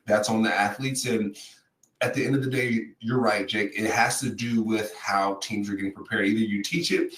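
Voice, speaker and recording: A man's voice: lowish voice, fairly even intonation, moderate pace, a bit bright, roomy sound, far from the mic, low-quality recording. A man co-hosting a sports podcast, a former player who makes emphatic points and repeats them. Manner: emphatic, repeats key points and addresses co-host by name. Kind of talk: casual sports talk.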